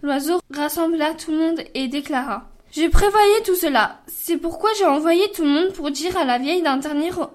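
A woman, a student reader, reading a folk tale aloud with an expressive voice. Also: high-pitched.

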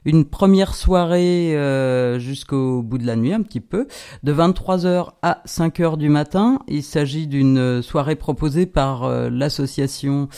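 On a radio guest spot, a woman who programs concerts announces upcoming shows in a playful, casual chat full of hesitant fillers. Her voice is low-pitched, warm, clear and resonant, and she speaks a little slowly.

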